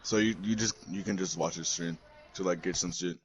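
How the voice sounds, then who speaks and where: Deep-voiced young man, blunt and sweary. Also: steady tone, brisk, highs cut off, slight background noise. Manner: blunt, swears a lot, stumbles over words. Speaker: friend on call. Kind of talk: casual chat while gaming.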